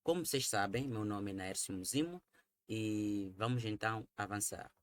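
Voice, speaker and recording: A man teaching a French lesson, explaining slowly and repeating each point in two languages. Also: on the low side, dry recording.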